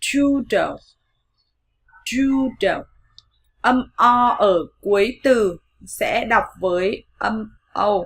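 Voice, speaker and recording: A Vietnamese-speaking woman teaching English pronunciation in an online lesson, modeling each sound slowly and repeating words for learners. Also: mid-range voice. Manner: slow, clear modeling of sounds with repetitions.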